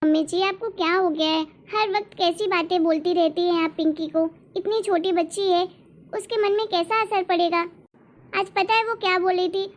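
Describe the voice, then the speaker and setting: A woman voicing a caring mother in a family story, soft-spoken and steady. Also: very high voice, normal speed. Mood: firm. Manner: soft, soothing. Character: gentle loving mother of a young daughter. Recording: dull lo-fi recording.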